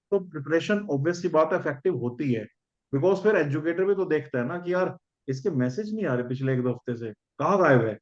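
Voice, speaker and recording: A man's voice: on the high side, dull audio. A man, an educator who emphatically advises students and addresses them directly. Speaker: educator and co-host. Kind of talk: teacher's advice to students.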